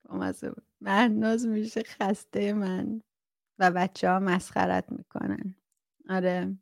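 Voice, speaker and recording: A woman's voice: medium pitch, lively intonation, vocal fry, no echo, clean studio sound. A woman chatting casually with her viewers about self-awareness, reading out their comments and laughing often. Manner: chatty, laughs often, mock-strict imitations.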